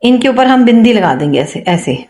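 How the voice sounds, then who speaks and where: A woman's voice: on the high side, big pitch swings, fairly quick, a little mellow, reverberant. A woman music teacher explaining a lesson, asking questions and answering them herself. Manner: asks questions and answers them herself, repeats key points. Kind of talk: classroom-style lesson explanation.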